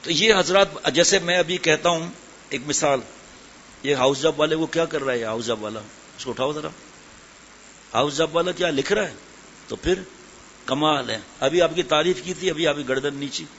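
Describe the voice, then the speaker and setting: A man's voice: fairly high pitch, fairly bright tone, a little hiss or hum. A man preaching a religious sermon to a live gathering, firing questions straight at his listeners and slipping English words into his talk. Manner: questions the audience directly, mixes in English words. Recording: dull lo-fi sermon recording.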